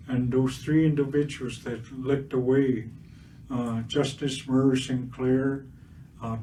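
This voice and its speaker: Speaking in a mid-range voice, this elderly guest speaker from Siksika Nation, Alberta, whose first language is Blackfoot (Siksika), addresses a livestreamed community gathering. A residential school survivor, he is earnest and lightly humorous, pausing often and using fillers. The audio comes from a distant mic in a cultural centre event space, with faint background noise.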